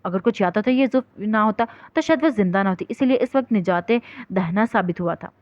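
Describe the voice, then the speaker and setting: A woman narrating a novel as an audiobook in a steady storytelling read. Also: mid-range voice, dry recording, lo-fi sound.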